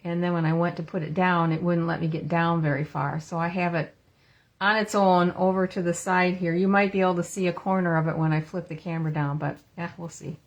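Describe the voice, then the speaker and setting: A woman's voice: on the low side, steady tone, fairly quick, muffled recording. Woman, casual craft tutorial, chatty, talks herself through each step, craft table, iPad camera. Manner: chatty, thinks aloud while working. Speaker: card-making demonstrator. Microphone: iPad camera on a stand.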